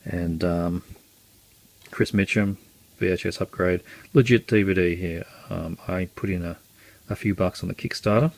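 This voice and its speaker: Man, low pitch, gravelly, casual show-and-tell, rambling, self-mocking. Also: fairly even intonation, moderate pace, a little mellow. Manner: rambling, many ums and uhs. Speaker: collector vlogger.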